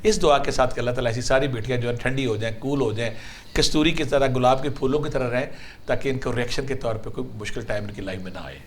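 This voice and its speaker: A man's voice: medium pitch, slight background noise. Guy on a call-in show, fatherly, calls ppl daughter, rattles off prayers. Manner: storytelling, calls callers 'daughter' and 'son', lists recitations. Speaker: numerology and spiritual advice guest. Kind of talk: animated call-in advice.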